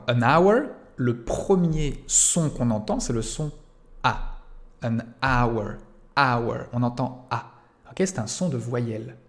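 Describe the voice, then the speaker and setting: A man's voice: mid-range voice, darkish tone. A young French-speaking man giving a recorded English grammar lesson, explaining step by step with rhetorical questions and frequent "eh bien" fillers.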